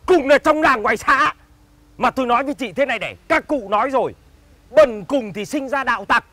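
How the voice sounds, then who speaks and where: A self-important old village man, scolding in a high, bright voice. He lectures quickly and leans on old sayings. The sound is dry and close. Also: no echo, exaggerated voice. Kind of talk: comedy sketch acting.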